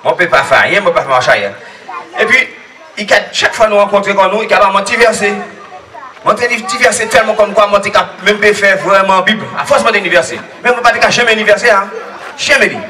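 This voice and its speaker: A man giving a rambling, lively faith testimony at a church gathering, laughing often as he tells his story. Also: high-pitched, fast talker. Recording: distant mic with crowd noise.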